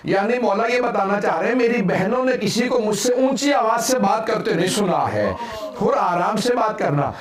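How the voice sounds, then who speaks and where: Brief: male preacher, mourning sermon, high voice, dramatic telling, distant mic. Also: animated. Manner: dramatic storytelling with acted quotes. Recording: echoey hall, distant mic.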